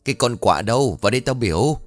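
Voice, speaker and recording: A man voicing a bossy, spiteful old mother-in-law who shouts and hisses insults at her daughter-in-law. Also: lowish voice, very animated, brisk, faint music behind. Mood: scolding. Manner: harsh, shouting, hissing insults.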